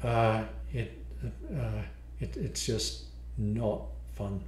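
Extremely slow and fairly even in intonation, this man's lowish, darkish voice explains a product he created. He is the module's designer, giving a demo with explanatory narration indoors in a small room at home.

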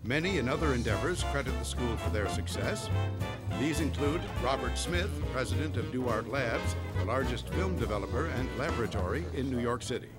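A man narrating a documentary in a measured, formal scripted read. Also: mid-range voice, animated. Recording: narration over clear music.

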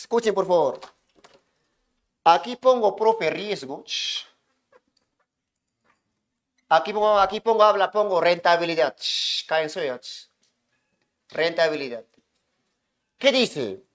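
A man lecturing a classroom as economics teacher, hushing students and repeating himself to make points stick. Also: high-pitched. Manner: keeps hushing and calling on students, repetitive.

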